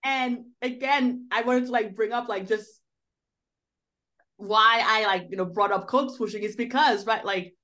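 Bright and forceful, her voice sits on the high side, and she speaks a little slowly. She's a woman co-hosting a podcast and reviewing a film in casual conversation, rambling with restarts and frequent "like"s and "you know"s.

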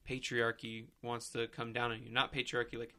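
A man's voice: medium pitch, monotone, moderate pace, sharp tone. A man in casual chat who talks bluntly, swears freely and makes sarcastic jokes.

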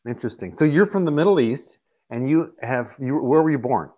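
A soft-spoken interview host keeps the talk going with gentle affirmations and short questions. The audio sounds muffled and lo-fi. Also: mid-range voice, lively intonation, brisk. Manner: quiet affirming listener, frequent mm-hmms. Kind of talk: casual interview conversation.

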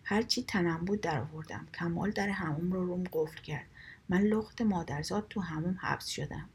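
A woman's voice: on the low side, a little mellow, a little hiss or hum. A woman reading a humorous literary story aloud in a dry, wry voice, dropping some asides to a half-whisper. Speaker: story reader.

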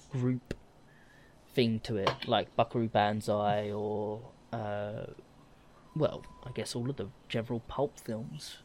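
A man's voice: mid-range voice, a little mellow, a little hiss or hum. A man in casual podcast conversation, jokey and loose. His thoughts wander as he talks, with frequent fillers between them. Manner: rambling, jokey, full of fillers. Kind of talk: casual gaming chat.

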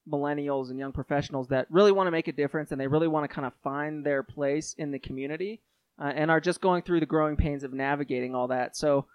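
A man introducing his own podcast and guest in an earnest, thoughtful way. His voice sits a bit higher than most men's. The sound is dry and close, with no room around it. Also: clear, resonant tone, no room sound, lo-fi sound. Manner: earnest, thoughtful, with fillers and restarts. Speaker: podcast host. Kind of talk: conversational podcast intro and interview.

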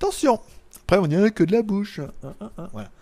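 A man chatting casually on a live stream, reading viewers' comments and joking, loud one moment and mumbling the next. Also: sits high, very animated, fast talker, vocal fry. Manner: loud, jokey, trails off into mumbles and chuckles. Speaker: tech YouTuber hosting a live stream. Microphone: small clip-on mic.

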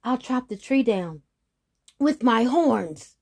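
A woman voicing a huge, menacing male buffalo who makes slow, firm threats. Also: low-pitched, gravelly, a little mellow, husky, exaggerated voice. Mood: threatening.

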